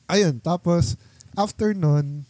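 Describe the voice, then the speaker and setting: A young man hosts a casual chat among old friends, rambling through his stories with plenty of fillers. His voice sits a bit high yet sounds mellow and dark. The recording is dry and close. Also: slow, dry recording. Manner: rambling storytelling with many fillers and laughs. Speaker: podcast host.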